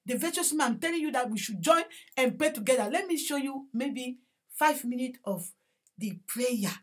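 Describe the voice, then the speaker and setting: A woman's voice: sits high, lively intonation, normal speed. A woman preaching with fervent, repetitive exclamations and praise. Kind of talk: evangelical preaching.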